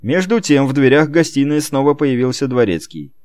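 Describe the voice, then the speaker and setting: A man narrating an audiobook in an expressive, storytelling way. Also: mid-range voice, normal speed, no room sound. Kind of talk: scripted narration.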